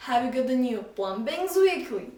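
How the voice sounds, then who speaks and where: A woman's voice: high-pitched, sing-song, normal speed, warm tone. A woman voicing a curious, anxious young boy asking eager questions in a storybook reading. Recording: echoey room, voice from far off.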